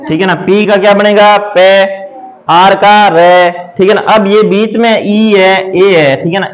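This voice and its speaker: A man with a fairly high voice teaches phonics patiently, asking the same question again and again and answering it himself as he writes examples on a board. The recording sounds dull and lo-fi. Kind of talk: classroom lesson on English phonics.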